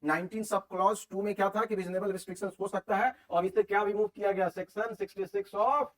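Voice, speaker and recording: A man with a Hindi accent teaching a class, briskly quizzing his students as he reviews questions. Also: sits high, steady tone, recorded from a distance.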